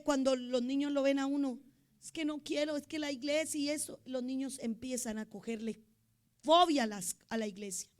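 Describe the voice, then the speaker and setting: Middle-aged woman pastor, high voice, emotional sermon delivery that swings from soft to loud.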